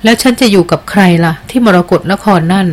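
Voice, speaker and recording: A woman's voice: medium pitch, fast talker, lightly acted. A woman reading aloud as a bold young woman who teases and presses for answers in an audiobook. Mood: insistent. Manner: teasing and insistent.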